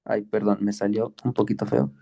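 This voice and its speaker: A man teaching the Greek alphabet in an online class, patient and slow, often checking with "¿ok?". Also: fairly low pitch, little pitch movement, gravelly, warm tone. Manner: patient, explains slowly with many checks like "¿ok?" and "¿sí?".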